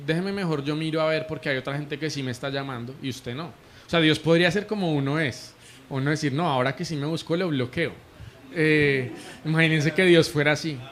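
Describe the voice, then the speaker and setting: Colombian guy telling his faith story, earnest, lots of restarts, mid pitch, faint room hiss. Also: a bit bright. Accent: Colombian Spanish. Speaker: prophet, interview guest. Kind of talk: conversational testimony.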